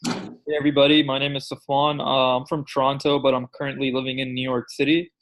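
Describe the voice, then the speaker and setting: A man's voice: mid-range voice, flat delivery, a little fast, fairly bright tone, poor audio. A male guest giving an easygoing, thoughtful self-introduction at an online meeting. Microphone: video call.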